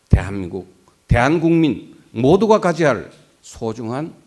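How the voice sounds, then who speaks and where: Older man giving a lively, formal acceptance speech. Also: mid-range voice. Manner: earnest and dignified, with emphatic rises and falls. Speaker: award recipient, law professor.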